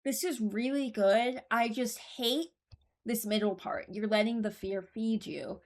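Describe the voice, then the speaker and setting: Ranking game voice lines in a laid-back reaction video, this host speaks with a fairly high voice, a steady tone and a measured pace. She muses out loud and offers her views casually.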